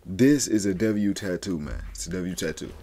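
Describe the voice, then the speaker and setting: A man's voice: deep voice, moderate pace, warm tone. A man in his twenties giving loose, rambling reaction commentary full of slang. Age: 20s. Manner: laid-back, rambling slang-heavy talk. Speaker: reaction streamer.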